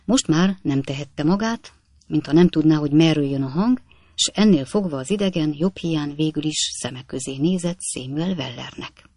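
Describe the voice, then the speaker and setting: A man reading an audiobook in a calm, measured way. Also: a little high, no room sound. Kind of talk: audiobook narration.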